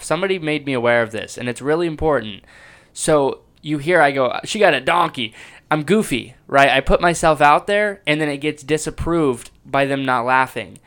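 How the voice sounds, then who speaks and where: A comedian talking excitedly and reflectively as he breaks down his own stand-up set. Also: mid-range voice, smooth. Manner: enthusiastic and self-reflective, with restarts.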